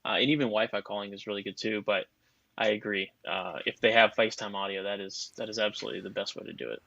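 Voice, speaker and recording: A man's voice: lowish voice, fast, creaky, sharp tone, no room sound, muffled recording. A man talking as a guest expert on a podcast, explaining technical details at length in a chatty, casual way.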